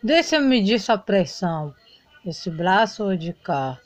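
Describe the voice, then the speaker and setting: A woman voicing a calm male doctor in a doll soap-opera parody, speaking slowly in a lowered voice. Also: dry recording. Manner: slow, lowered voice. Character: calm male family doctor, mildly joking.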